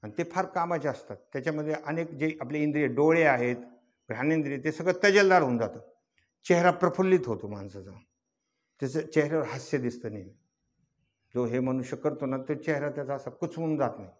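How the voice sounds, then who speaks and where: A man's voice: on the high side, fairly quick. An older man giving a devotional kirtan sermon, teaching in a folksy way, asking rhetorical questions and rising into chanted verse. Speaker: kirtan preacher.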